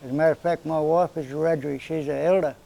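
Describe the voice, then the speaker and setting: Speaking quickly in a slightly high, creaky voice, this Australian man in his seventies from northern NSW rambles through life stories as an interviewee and community elder. His manner is relaxed and plain-spoken, full of everyday slang, in casual conversation captured on poor audio.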